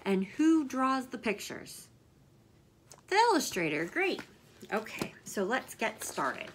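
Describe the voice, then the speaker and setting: Woman leading a kids' story time; sing-song and animated, encouraging teacher manner, bright forward voice. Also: a little high, takes it slowly, slight background noise. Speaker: children's story time host. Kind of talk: children's story time, asking questions.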